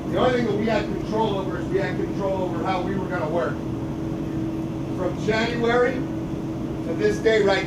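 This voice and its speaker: An American man, a football coach, giving a rousing, emphatic pregame pep speech to his team with repeated phrases. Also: high voice. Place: team locker room. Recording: echoey noisy room, distant microphone.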